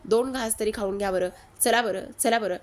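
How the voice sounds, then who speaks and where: A woman reading the lines of a stern young man who orders people around in hurried commands. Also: fairly high pitch, natural voice. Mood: coaxing.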